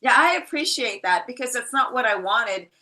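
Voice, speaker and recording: A woman's voice: a little high, animated, normal speed, bright, forceful tone, poor audio. A middle-aged woman guest chatting casually on a wrestling podcast, brash, joking and candid.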